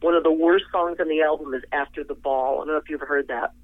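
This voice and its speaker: Over a tinny, dry telephone connection with no room sound, an older singer chats as an interview guest, fast-talking in a low, steady voice. Her manner is effusive and rambling, peppered with laughter.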